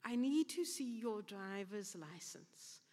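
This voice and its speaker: A woman's voice: medium pitch, lively intonation, slow pace, a little mellow. A woman preacher voicing a polite, formal young male traffic officer in an echoey hall.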